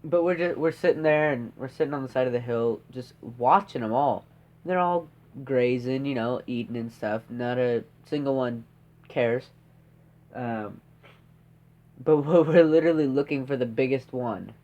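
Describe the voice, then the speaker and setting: Here a teen boy hosting a podcast tells a casual story at normal speed, his medium, slightly mellow voice congested and the sound lo-fi. He wanders along using lots of fillers and tag questions.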